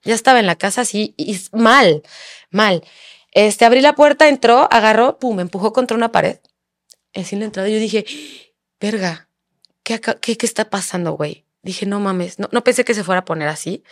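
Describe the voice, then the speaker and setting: A young woman with a Mexican accent tells a personal story as a podcast guest. She speaks frankly and vividly, full of casual slang. Her voice sits at an ordinary middle pitch, recorded dry and close with no room sound. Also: moderate pace, no room sound. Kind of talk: candid personal storytelling in conversation.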